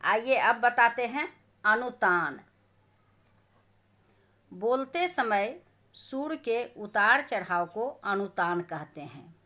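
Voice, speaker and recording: A woman's voice: fairly high pitch, animated, slow pace, pauses often, bright, forceful tone. A woman teacher giving a grammar lesson to schoolchildren, asking questions and answering them herself.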